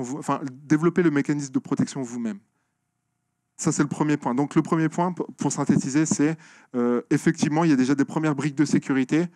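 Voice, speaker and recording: A man speaking at a conference, answering audience questions with many pauses and restarts. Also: mid-range voice, darkish tone, no room sound. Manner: hesitant, many fillers and restarts, explanatory. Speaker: conference speaker on software security. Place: lecture room.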